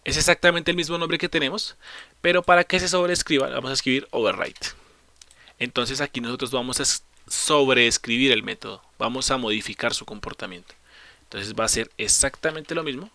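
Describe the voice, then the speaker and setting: A man leads a coding tutorial in a bright, clear voice, explaining each step patiently. He asks rhetorical questions and answers them himself, and fixes his small slips on the fly. Keyboard typing can be heard in the background. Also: mid-range voice, fairly quick. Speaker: programming teacher. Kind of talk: screen-recorded coding tutorial.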